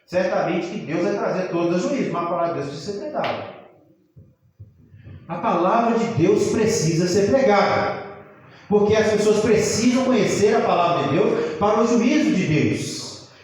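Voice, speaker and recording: A Brazilian man preaching a teaching sermon, talking with the congregation in a conversational way, asking them questions and sometimes rising to a shout. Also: high voice, animated, fairly quick. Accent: Brazilian Portuguese. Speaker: pastor. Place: church hall. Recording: very echoey church room.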